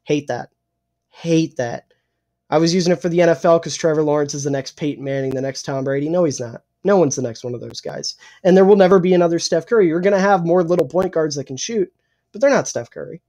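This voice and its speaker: A young man co-hosting a casual sports podcast, opinionated and swearing freely, a little hoarse and clearing his throat. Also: fairly high pitch, quick pace, dark tone. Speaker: podcast co-host.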